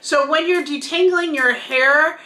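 A woman's voice: high-pitched, a little slow, bright, forceful tone, reverberant. A woman in her thirties chatting casually through a hair care review, explaining each product as she shows it, at home at her desk webcam. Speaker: beauty vlogger. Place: bedroom at home, indoors.

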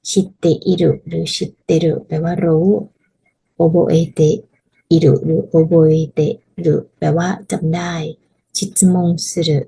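A woman teaching a casual language lesson, patiently explaining and repeating phrases slowly so learners can practice. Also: fairly low pitch, gravelly, dark tone, breathy edge, low-quality recording.

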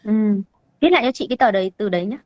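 A woman's voice: medium pitch, very fast, dry recording, dull audio. A woman from Vietnam with a Vietnamese accent, speaking English hesitantly with many fillers as an adult learner. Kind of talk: halting practice conversation.

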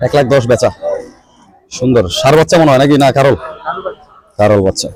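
A man's voice: mid-range voice, a little fast, darkish tone, no echo, low-quality recording. A man, walking through a rainy, muddy outdoor cattle market, asking sellers their prices and talking straight to his viewers. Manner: chatty, addresses viewers directly, haggles over prices. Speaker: vlogger touring a cattle market. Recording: outdoor market crowd behind. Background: crowd chatter and rain.

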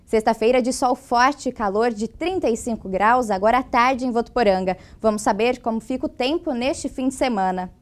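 A woman's voice: on the high side, normal speed, hardly any pauses. A woman in her twenties anchoring a TV newscast, reading scripted items composedly in a studio. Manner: clear, composed delivery. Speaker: news anchor. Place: TV news studio.

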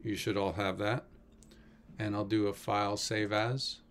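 Gravelly low-voiced man teaching code. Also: flat delivery, a little slow, a bit bright, slight background noise. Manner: casual, wry, with many fillers. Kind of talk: screen-recorded coding tutorial.

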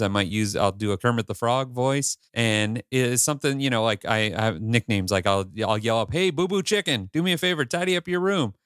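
A man's voice: on the low side, a bit bright, clear, resonant tone, no echo, clean studio sound. A man in his forties co-hosting a podcast, chatting candidly with restarts and the odd swear. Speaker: podcast co-host. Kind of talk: casual chat.

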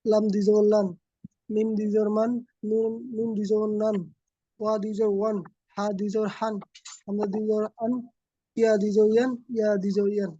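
A man student reciting letter drills in a steady, even way for his teacher. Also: high voice, brisk, no echo, muffled recording.

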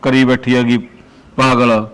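A man's voice: mid-range voice, little pitch movement, unhurried, clear, resonant tone, lightly acted. A man playing a tired father complaining about his wife. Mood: weary. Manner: tired, grumbling, resigned. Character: weary older father, fed up with his wife. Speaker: father in a comedy sketch. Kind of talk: comic village drama.

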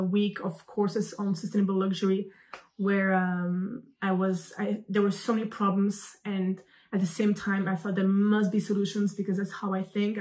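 A young woman from Belgium, a company founder answering interview questions over a video call, talking in an animated way with many fillers and restarts. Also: medium pitch. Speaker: guest, founder. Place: room at home.

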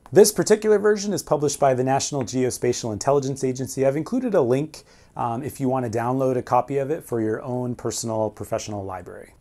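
Mellow-voiced teacher explaining. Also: male voice, mid-range voice. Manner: clear, methodical explaining with occasional fillers. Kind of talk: educational explainer video. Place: indoor room before a whiteboard and framed ship painting. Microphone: camera at medium distance.

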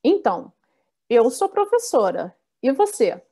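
A woman teaching a beginners' class online, speaking slowly and clearly, repeating words and reading out the answers her learners give. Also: high-pitched, sing-song, mellow. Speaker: Portuguese teacher.

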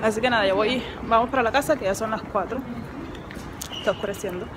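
A woman's voice: a little high, quick pace, noisy background. A young woman chatting casually to camera in a vlog, filmed on a phone held close in a small room at home. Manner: chatty, animated, talks to a small child. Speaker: vlogger. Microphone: phone camera close to her face.

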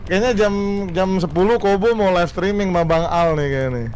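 A man chatting with friends during an online game, joking and calming them down. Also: high-pitched, fairly quick, a little hiss or hum. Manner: joking, reassuring. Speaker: gaming friend. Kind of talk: casual gaming chat.

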